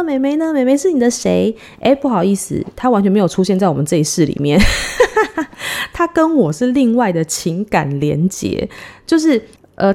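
A woman in her thirties, a podcast host, telling a personal story in a chatty, giggly way with drawn-out dramatic pauses. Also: on the low side, warm tone.

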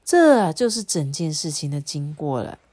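Woman storyteller, lower-pitched, expressive read-aloud for children. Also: normal speed.

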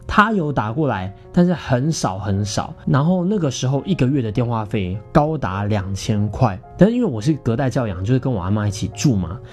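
A young podcast host with a Taiwanese Mandarin accent and a mid-range, slightly mellow voice tells a personal story. He's expressive and conversational, often addressing listeners directly, while background guitar music plays.

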